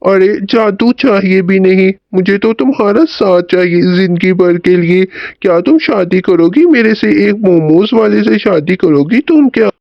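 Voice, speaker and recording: A man's voice: sits high, measured pace, gravelly, hardly any pauses, no room sound, dull audio. A man voicing a chatty, kindhearted young momo seller in a cartoon story, exclaiming and grumbling as he talks. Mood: warm.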